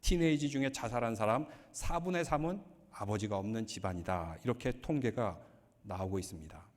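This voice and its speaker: A man's voice: lowish voice, a little fast. A man preaching as a pastor, mixing humorous stories into his sermon. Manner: joking, lively storytelling. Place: church sanctuary. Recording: long hall reverb.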